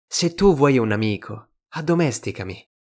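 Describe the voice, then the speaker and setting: A man voicing a patient, slightly melancholy fox in an audiobook reading, calm and reflective. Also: mid-range voice, normal speed, pitched above the performer's own voice, natural voice. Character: wise, gentle fox, patient and a little melancholy.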